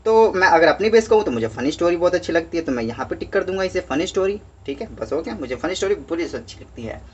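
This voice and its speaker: A man teaching in a chatty, casual way, his voice husky and his throat scratchy, as if he is a bit under the weather. He often says "okay" and reads the English lines slowly. The recording is dull and lo-fi. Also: fairly high pitch, expressive. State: scratchy throat, heavy-headed. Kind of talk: casual Hindi worksheet walkthrough.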